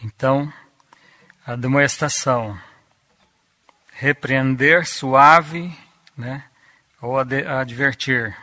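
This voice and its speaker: A man preaching a Bible-teaching sermon, deliberate and repeating key words for emphasis. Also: mid-range voice, sharp tone.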